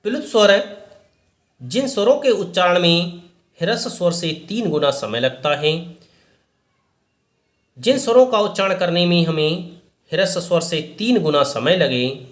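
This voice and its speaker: A man teaching a grammar lesson, explaining slowly and deliberately as he points out examples on a board. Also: high-pitched, lively intonation. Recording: echoey room.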